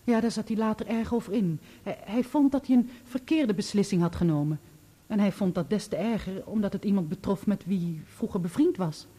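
In a Dutch radio play, an actress voices a composed, guarded, dignified woman testifying in court, answering with restraint and precision and a note of regret. Her natural voice is medium-pitched, dark and slightly rough, and she speaks briskly.

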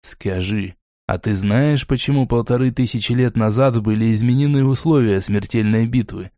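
A man voicing a calm, cunning male envoy who speaks in a low, quiet, insinuating, mentor-like tone. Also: normal speed, no echo, clean studio sound, close to an everyday voice. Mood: lecturing.

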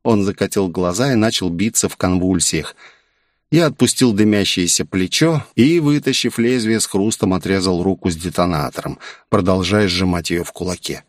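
A man's voice: deep voice, normal speed, dry recording, clean studio sound. A man narrating a first-person audiobook in a cool, sardonic manner.

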